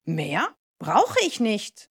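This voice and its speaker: A woman's voice: medium pitch, huge pitch swings, very slow, breathy edge, pitched above the performer's own voice, heavily acted. A woman voicing an eager little boy about to start school, in a storybook reading. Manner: eager, chatty.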